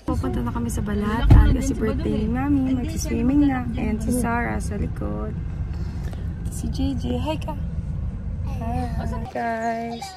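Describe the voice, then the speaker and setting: High-voiced woman vlogging casually. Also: fairly even intonation, a little slow, loud music behind the voice. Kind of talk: casual vlog chat. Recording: chatter of people around.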